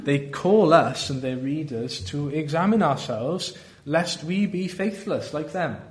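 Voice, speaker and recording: Male preacher, Welsh Valleys accent, slightly high pitch, earnest sermon delivery, deliberate phrasing. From South Wales valleys.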